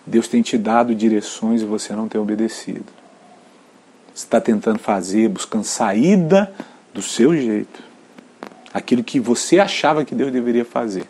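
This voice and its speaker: A Brazilian man, a pastor, preaching an earnest sermon, sometimes dropping to a near whisper and sometimes rising to loud emphatic peaks. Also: fairly low pitch, slight background noise.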